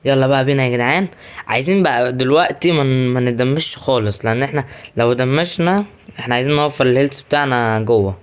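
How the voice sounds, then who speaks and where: A young man with an Egyptian Arabic accent, chatting excitedly to viewers while commenting on his own gameplay. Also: medium pitch, fast, smooth. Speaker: gaming YouTuber.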